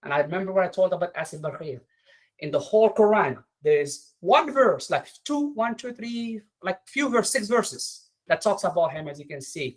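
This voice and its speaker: A man giving an informal lecture over a video call. He retells a story haltingly, with many restarts. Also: high-pitched, rough recording. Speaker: lodge presenter.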